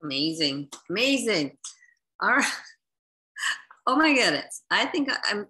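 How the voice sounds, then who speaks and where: A woman's voice: on the high side, very animated, a little slow, pushed and bright. A woman hosting a workshop over a video call, effusive and upbeat as she moves on to her questions. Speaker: host.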